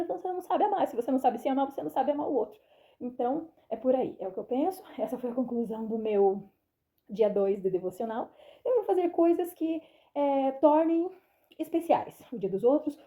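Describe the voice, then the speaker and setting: A woman with a high, mellow voice chats through a daily devotional vlog. She is earnest and emotional and acts out what others say in short quoted bursts. She speaks in loose, conversational phrases. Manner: warm and earnest about faith and plants. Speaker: devotional vlogger. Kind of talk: casual spoken reflection.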